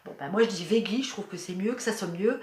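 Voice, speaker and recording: A woman hosting a home cooking show, chatting warmly and explaining each step of a recipe. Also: medium pitch, fast. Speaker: cooking channel host. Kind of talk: cooking demonstration. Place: home kitchen.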